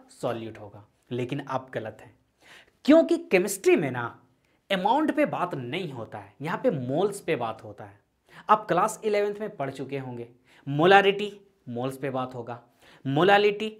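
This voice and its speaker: A woman teaching a chemistry lecture, asking the class questions and then answering them herself, mixing English terms into Hindi. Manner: drops pitch on each answer.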